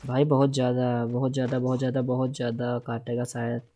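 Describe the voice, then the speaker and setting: A man's voice: medium pitch, a little hiss or hum. Guy streaming his game live, hypes up, repeats stuff over and over, hums la la la, keeps telling viewers to follow and share. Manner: excitable, repeats words in rapid bursts, hums la-la while playing; talks directly to viewers, asking for follows and shares. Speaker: gaming livestreamer. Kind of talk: live gameplay commentary.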